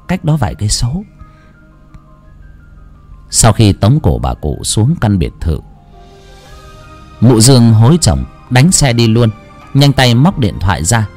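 Người đàn ông kể truyện ma sinh động. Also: male voice, medium pitch. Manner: lively, dramatic. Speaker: storyteller. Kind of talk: scripted ghost story narration.

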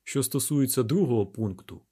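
A man reading an audiobook plays a calm, calculating male mayor laying out a plan in a measured, deliberate way. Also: medium pitch, breathy edge.

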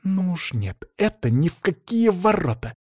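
Man doing a stern healer woman, scolding, threatening, high raised voice, dry sound. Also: sing-song, fast, a little mellow, breathy edge, no echo. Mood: indignant. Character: stern fierce middle-aged woman healer.

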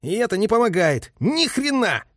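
Cranky army officer w/ toothache, yelling and groaning, high jumpy voice, man doing it. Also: big pitch swings, normal speed, no echo, clean studio sound. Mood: angry. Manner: shouting, cursing, groaning. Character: irritable male army staff officer with toothache. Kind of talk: audiobook character voice.

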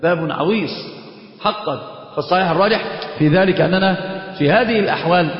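A man teaching a religious lesson on jurisprudence, lively, quizzing his students. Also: high-pitched. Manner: lively, quick, asks students questions; mixes Egyptian colloquial Arabic into classical. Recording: echoey hall, dull lo-fi sound.

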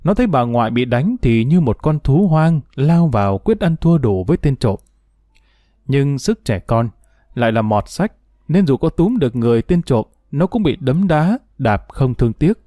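A man narrating a dramatic audio story with expressive, emotional delivery. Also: mid-range voice, moderate pace, dry recording, clean studio sound.

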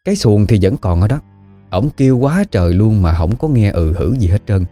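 A man with a Southern Vietnamese accent telling a spooky story in a relaxed, folksy way. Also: on the low side, moderate pace, soft background music. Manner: relaxed folksy storytelling with lively rises and falls.

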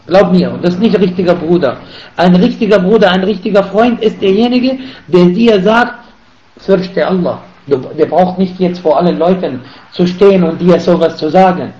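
A man's voice: sits high, moderate pace, warm tone. A man giving a sermon lesson on hadith, speaking emphatically and rising sharply when he stresses a point. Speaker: preacher teaching hadith. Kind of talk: sermon lesson switching between Arabic reading and German explanation. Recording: echoey, dull room recording.

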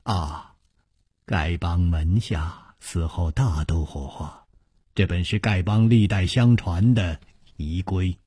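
A hasty young disciple who speaks in a hushed, urging undertone, as a storyteller puts him on. The voice is low, husky and breathy. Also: male voice, dry recording, studio quality, full character voice. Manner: hushed and hurried.

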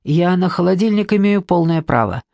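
A storyteller voicing a shrill, touchy, unkempt man with a high squealing voice, indignant and self-pitying. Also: expressive, normal speed, creaky, darkish tone, dry recording.

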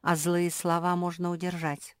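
A woman voicing a gentle, motherly female dog who speaks softly and caringly. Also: fairly low pitch, completely flat delivery, moderate pace, clean tone, no echo, studio quality, close to an everyday voice. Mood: sighing.

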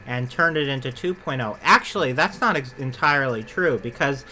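A man's voice: mid-range voice, normal speed, bright, forceful tone. A man co-hosting a podcast, chatting casually and rambling, often correcting himself mid-sentence. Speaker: podcast co-host. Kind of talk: casual chat about theme park attractions.

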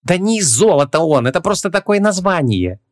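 A man's voice: high voice, very animated, fairly quick, dry recording, clean studio sound, voice pushed up. A man doing a tart, impatient young woman.

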